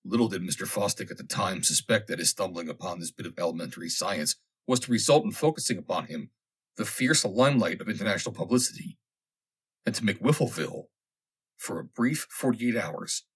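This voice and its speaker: An audiobook narrator tells a humorous vintage tale in a rather low, husky voice. His pitch swings animatedly, and his deliberate phrasing puts theatrical emphasis on key words.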